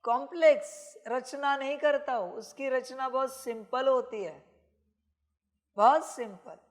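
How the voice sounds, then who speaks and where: A woman preaching a devotional sermon in a slow, unhurried delivery, her voice sitting fairly high. She speaks as a spiritual teacher, exhorting her listeners and calling them children. She presses her point with pointed rhetorical questions.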